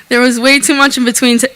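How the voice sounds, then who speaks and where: A woman's voice: sits high, fairly bright tone. A young woman, senior class president, giving an upbeat and proud speech into a podium microphone at an outdoor graduation. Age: young adult. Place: outdoor graduation on a school field.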